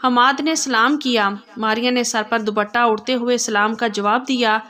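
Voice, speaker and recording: Casting: female storyteller, slightly high voice, steady emotional read-aloud narration.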